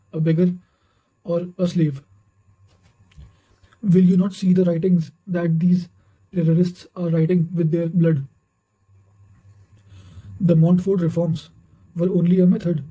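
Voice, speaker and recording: A narrator with a high-pitched yet very dark, mellow voice reads study notes and quotations aloud, his intonation quite even. His reading is formal and a little halting, with occasional stumbles, as if working through written text. The recording quality is low.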